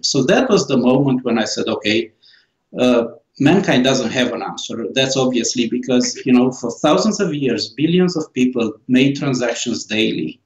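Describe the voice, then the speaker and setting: A Romanian-accented author in his forties answers interview questions hesitantly, speaking slowly and haltingly with many fillers and restarts. His voice is medium-pitched. The sound is roomy, with the highs cut off.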